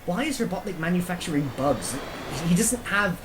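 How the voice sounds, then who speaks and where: A man's voice: high-pitched, moderate pace, background noise. A man co-hosting a casual cartoon commentary, chatty and full of questions. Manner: animated, chatty, asks questions. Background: cartoon soundtrack playing.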